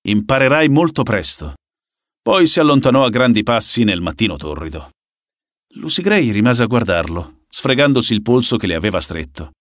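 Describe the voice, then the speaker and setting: A man narrating an audiobook in an expressive, dramatic scripted style. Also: lowish voice, a little fast, no room sound, clean studio sound.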